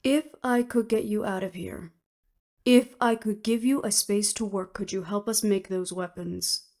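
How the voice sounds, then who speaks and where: In a scripted audio roleplay, a woman plays a cool, determined official, speaking in a clipped, businesslike way that sounds firm and resolute. Her voice is mid-range, steady, a little slow and slightly mellow, with a natural quality.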